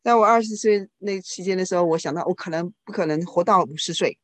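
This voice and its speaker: A woman with a lowish voice interprets someone's talk live into another language. She speaks rapidly and informally and often corrects herself.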